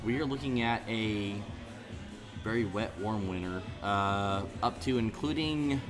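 A podcast guest in his thirties from Central California chats casually in a bar, rambling from point to point. His voice is fairly low and unhurried, with music in the background.

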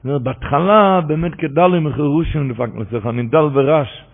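A man giving an animated religious lecture on a Talmud commentary, building to emphatic preaching. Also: fairly high pitch, gravelly, husky. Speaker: Torah teacher. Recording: tinny phone-line radio broadcast.

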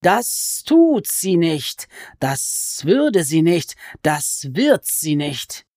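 A woman voicing a sly, menacing male goblin who is a fanatically loyal servant, speaking in a slow, drawn-out, hissing way. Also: on the low side, big pitch swings, a little mellow, no room sound, studio quality, voice pushed up, heavily acted. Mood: insistent, greedy.

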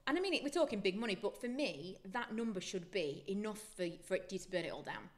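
A woman's voice: medium pitch, lively intonation, fast talker. A woman co-hosting a podcast, talking in a frank, reflective way in a casual chat. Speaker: podcast co-host.

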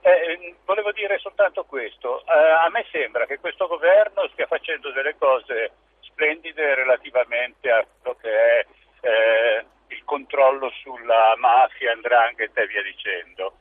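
A man's voice: medium pitch, a little slow, slight background noise. A man calling in to a radio show over the phone, giving a blunt and hesitant comment with many fillers. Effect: heard over a phone line. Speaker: radio call-in listener. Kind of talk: casual call-in comment. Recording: tinny phone-line audio.

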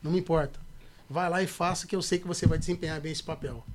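Fast-talking, high-voiced Brazilian pastor. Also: male voice. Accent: Brazilian Portuguese. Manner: acts out quoted dialogue with lively voice shifts. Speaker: podcast guest, pastor. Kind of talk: animated storytelling in casual podcast chat.

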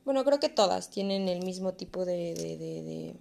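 A woman's voice: fairly low pitch, expressive, normal speed, creaky, a little mellow. A young adult woman with a Mexican accent, talking in an earnest, encouraging, casual way in a reflective vlog monologue. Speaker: vlogger.

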